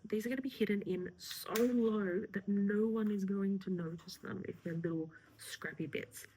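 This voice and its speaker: A woman florist talks viewers through her work in a relaxed, encouraging way. Her voice has a gravelly edge, and she often slips into a half-whisper mid-task. Faint noise sits under the recording. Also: mid-range voice, poor audio. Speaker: florist teaching a tutorial. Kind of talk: casual instructional talk while working.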